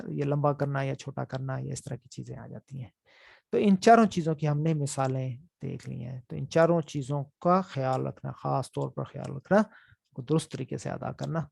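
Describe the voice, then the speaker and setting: A man gives an online lesson on the rules of Quran recitation, repeating each point to make sure it sinks in. His voice is gravelly and sits a little high for a man. The sound is dry and close. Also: mellow, no echo. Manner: explanatory, repeats key points with "theek hai". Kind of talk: online class lecture.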